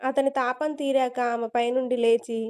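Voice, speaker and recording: A woman narrates a story in a steady, expressive way. Her voice is fairly high, smooth and very clear. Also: moderate pace.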